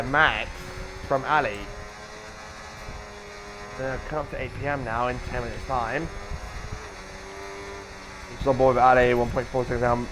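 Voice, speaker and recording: A man doing live motor racing commentary as an informal race caller, chatty between moments of action and rising excitedly with it. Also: medium pitch. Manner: informal, chatty streamer-like asides. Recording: noisy audio with vehicle sounds.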